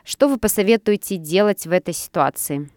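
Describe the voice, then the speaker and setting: A woman's voice: medium pitch, expressive, brisk, darkish tone, no echo, clean studio sound. A woman in her forties hosting a radio program and presenting a listener's letter. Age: 40s. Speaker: radio host. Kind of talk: radio interview.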